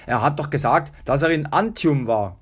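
A man voicing an anxious, cautious younger Roman brother who speaks in urgent, hushed warnings. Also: on the high side, animated, normal speed, husky.

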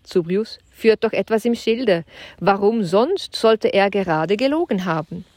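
A woman's voice: medium pitch, expressive, unhurried, darkish tone, no echo, lightly acted. A woman voicing a bold, curious boy who leads his friends in a storybook reading, speaking eagerly and decisively. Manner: eager and decisive, hissing when whispering.

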